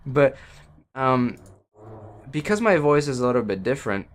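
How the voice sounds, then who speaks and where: Seated at a computer beside a wall inside, a man speaks into his headset about audio settings. His medium-pitched voice swings widely in pitch at a normal speed, and his loose tech talk is hesitant, self-mocking and packed with fillers and restarts.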